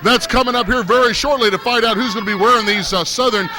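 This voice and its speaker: A man's voice: extremely high pitch, quick pace. A man doing live play-by-play commentary for a wrestling match in an arena, folksy and hesitant with frequent fillers. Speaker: play-by-play announcer. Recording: noisy arena recording.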